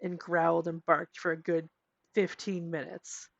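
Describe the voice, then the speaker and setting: Lively, low-voiced woman podcaster. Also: unhurried, vocal fry, dry recording. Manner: animated storytelling, frequent "like" and swearing. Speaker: podcast co-host. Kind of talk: casual chat. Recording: dry, dull lo-fi podcast audio.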